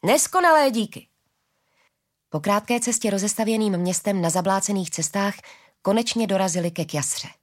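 A woman narrating a fantasy story as an audiobook in a calm, steady way. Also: mid-range voice.

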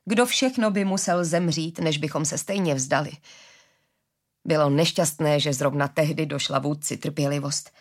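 Voicing a kind, forgiving father from a storybook, a woman reads in a low, husky tone, slow and earnest.

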